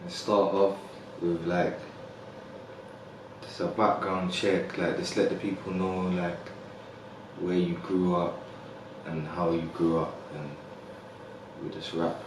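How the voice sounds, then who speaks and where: Deep, flat-voiced male podcast host. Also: takes it slowly, pauses often, very echoey, distant mic, noisy background. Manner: easygoing, frequent "like" and "yeah". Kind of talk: casual interview.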